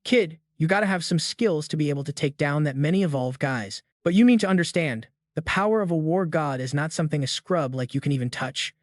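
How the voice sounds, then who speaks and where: A man's voice: a little high, expressive, fairly quick, hardly any pauses, no room sound, studio quality, lightly acted. A man voicing an arrogant young male war god fighter in a recap story, smug and taunting.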